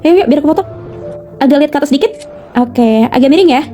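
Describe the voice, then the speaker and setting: Seorang perempuan mengisi suara untuk drama amatir berbasis gim animasi, berbicara cepat dan ramai. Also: female voice, high-pitched, lively intonation, quick pace, mellow, soft background music. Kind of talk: amateur animated-game drama voicing.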